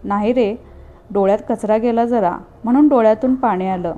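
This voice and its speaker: A woman voicing a caring young woman neighbor, an older-sister type, in a storybook reading, gentle and coaxing. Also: on the high side, moderate pace, highs cut off, close to an everyday voice.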